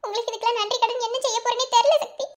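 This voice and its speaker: A shaken tearful young woman, very high voice, quick speech. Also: steady tone. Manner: tearful, grateful. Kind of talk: TV serial acting.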